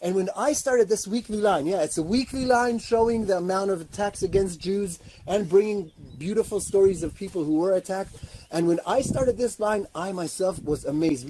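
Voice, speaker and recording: A man from Israel talks in an earnest, animated way, pausing and restarting as he tells his story. His voice sits high for a man. A faint hiss of noise runs behind him. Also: poor audio. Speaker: guest, activist. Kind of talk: casual roundtable talk.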